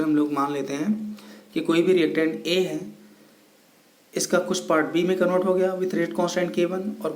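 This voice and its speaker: A high-voiced male teacher gives a step-by-step chemistry lecture, asking his students questions and answering them himself. He calls them children and mixes English terms into his Hindi. The sound is roomy and echoey, with a faint hum of ambience behind him. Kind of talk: recorded classroom lecture.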